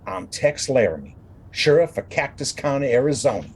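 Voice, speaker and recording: A woman voicing a gruff, laconic middle-aged male Western sheriff with a slow, dry drawl in a radio drama. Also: rumbling low, very animated, a little mellow, voice pushed down, heavily acted. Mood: matter-of-fact.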